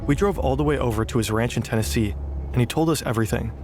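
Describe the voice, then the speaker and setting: A man narrates a documentary in a scripted, dramatic and measured way. His voice sits at an ordinary pitch. Faint music plays underneath.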